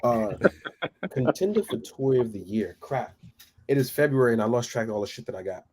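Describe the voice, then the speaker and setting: A man talking casually as a podcast guest, rambling and animated, laughing often. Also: medium pitch, fairly quick, slight background noise. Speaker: guest toy photographer.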